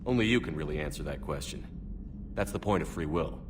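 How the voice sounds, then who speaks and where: A man's voice: a bass voice, expressive, a little fast. An actor playing a decisive male starship commander in a video game, firm and plainspoken. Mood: steady, direct. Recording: clearly noisy game ambience.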